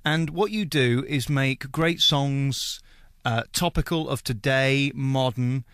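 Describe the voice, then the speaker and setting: A man hosting a radio interview, effusive and flattering toward his guest. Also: medium pitch, takes it slowly, clear, resonant tone, no room sound, studio quality. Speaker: radio host.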